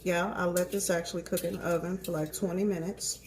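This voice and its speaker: A woman's voice: on the low side, little pitch movement, brisk, darkish tone, a little hiss or hum. A woman chatting casually in her home cooking vlog, talking straight to her viewers and tasting as she goes. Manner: chatty, addresses viewers as y'all, tastes food on camera.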